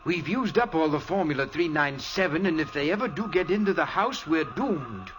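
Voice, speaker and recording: Radio-drama professor, high voice, earnest and urgent, faint tape hiss. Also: male voice, animated, moderate pace, a bit bright, dull audio. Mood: grim. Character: anxious scientist professor, middle-aged man. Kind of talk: 1940s radio acting. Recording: old radio recording with hiss.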